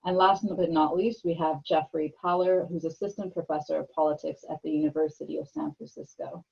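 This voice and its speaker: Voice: mid-range voice, flat delivery, a little fast, vocal fry, darkish tone, husky. A host formally reading scripted introductions of panelists on an online video call, with small stumbles. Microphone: video call microphone. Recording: muffled video-call audio.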